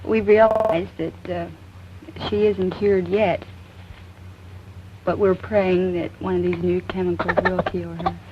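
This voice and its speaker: Mom guest talking slow and flat on a 1950s tv broadcast, muffled and a bit off mic. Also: female voice, on the low side, a little hiss or hum. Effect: 1950s TV broadcast sound. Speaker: patient's mother, guest. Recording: dull lo-fi old TV audio, off-mic.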